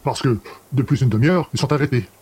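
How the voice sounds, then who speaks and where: An actor playing a calm, ironic police detective of about fifty, speaking in a dry and unhurried way. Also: male voice, medium pitch, slightly rough. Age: 50s. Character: cool ironic middle-aged male police detective.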